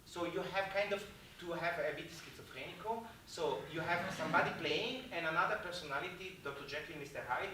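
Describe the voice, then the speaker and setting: A man's voice: fairly high pitch, fairly quick, few pauses, recorded from a distance, slight background noise. Italian-accented man lecturing in an echoey hall. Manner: lively, gestures, mixes in Italian words. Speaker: cellist giving a talk. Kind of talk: lecture to musicians. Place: hotel event hall.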